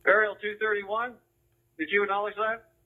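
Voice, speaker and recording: A man acting as fire incident commander, giving brisk, clipped orders heard through a two-way radio with static bursts. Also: high voice, flat delivery. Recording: narrow tinny radio scanner feed.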